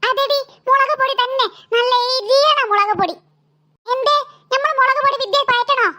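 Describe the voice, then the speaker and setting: Voicing a quarrelsome, cheeky schoolboy for a cartoon, an actor with a Malabar Malayalam accent speaks in a very high-pitched voice at a moderate pace. The character brags, teases and threatens in jest, sounding boastful.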